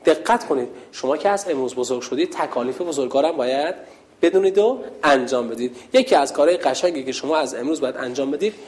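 A woman religious instructor leading a lively call-and-response game with young girls in a large hall. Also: low voice. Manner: lively, playful, calls out loudly.

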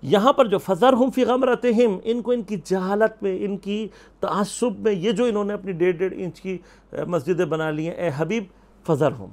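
A man's voice: sits high, darkish tone. A man teaching Quran commentary, explaining verses with rhetorical questions and quoted Arabic. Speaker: religious scholar.

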